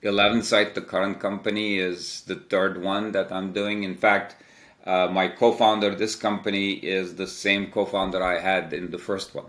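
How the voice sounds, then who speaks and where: A man in his fifties from Turkey, a company CEO, answering interview questions in a measured, explanatory way. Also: low voice, level tone, fairly bright tone. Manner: measured, explanatory, lists examples. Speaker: tech company CEO, guest. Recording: echoey room.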